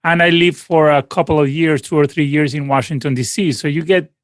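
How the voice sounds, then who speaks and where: A man's voice: fairly high pitch, steady tone, a little fast, no room sound. A Venezuelan man in his late forties, a musician answering interview questions in a rambling, casual way with many restarts and fillers. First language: Spanish. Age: 40s. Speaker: guest musician. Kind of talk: casual interview over a call.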